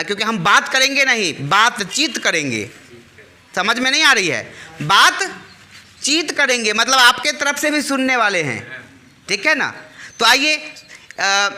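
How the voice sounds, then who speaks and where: A man with a very high, piercingly bright voice hosts a live talk for a crowd of farmers at a village temple. He talks like a teacher, coaxing listeners to answer back. He also leads call-and-response chants. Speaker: channel host addressing farmers.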